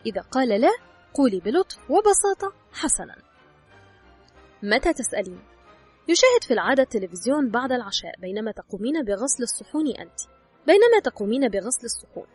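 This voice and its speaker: A woman's voice: on the high side, a little mellow, breathy edge. A woman narrating an advice book in a scripted reading, giving instructions straight to the listener. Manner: instructive, addresses the listener directly. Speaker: audiobook narrator.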